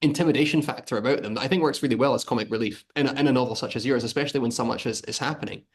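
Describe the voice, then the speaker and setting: Fast-talking male podcast host. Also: mid-range voice, breathy edge. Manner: quick, chatty, animated storytelling. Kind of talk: casual interview chat. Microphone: video call.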